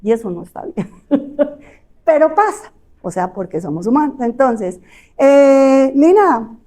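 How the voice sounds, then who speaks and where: A woman's voice: high-pitched, animated, a little slow, mellow. Colombian woman lecturing in a chatty style. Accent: Colombian Spanish. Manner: chatty and explanatory, with frequent fillers and rhetorical tag questions. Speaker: audiologist giving a talk. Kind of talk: conversational health lecture.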